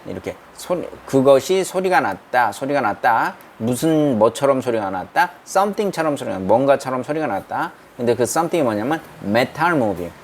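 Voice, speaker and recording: Slight background noise accompanies this university English reading lesson, held in a small non-studio room. The male lecturer, whose voice is mid-range, reads English sentences at a slow pace, explains them in Korean and asks the class questions.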